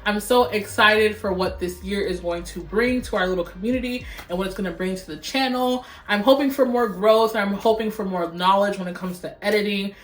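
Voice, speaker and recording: Young female vlogger, playful sing-song delivery, mid pitch, roomy echo. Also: a little fast, few pauses. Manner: sing-songy, playful, breaks into little chants. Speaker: YouTube vlogger. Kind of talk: casual vlog chat to camera. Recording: roomy echoey room.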